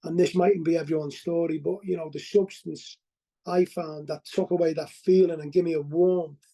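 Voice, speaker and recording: Over a video call, a middle-aged man with a Liverpool accent, from Liverpool, England, rambles candidly through his testimony at a recovery meeting, frequently restarting and asking "you know what I mean?" His fairly high, dark voice is steady and moderately paced, and the audio sounds dull.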